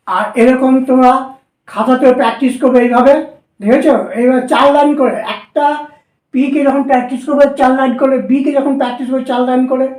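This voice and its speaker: Woman, Bengali accent, patient shorthand teacher at a board, high voice, echoey room. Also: a little mellow. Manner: instructive, repeats steps patiently. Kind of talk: whiteboard lesson for students.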